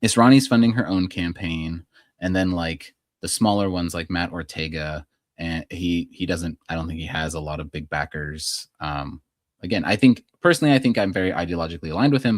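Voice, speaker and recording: An American podcast co-host with a deep voice chats about politics, informal and opinionated, sprinkling in filler likes. The studio-quality sound has no echo.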